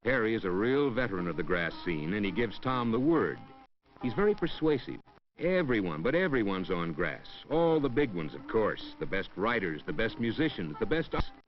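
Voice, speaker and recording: Narrating a scripted 1960s educational film, a man uses a lowish voice that's very animated, keeping a moderate pace. His delivery is a wry bit of storytelling that mimics hip slang. Background music plays on the dull, old film soundtrack.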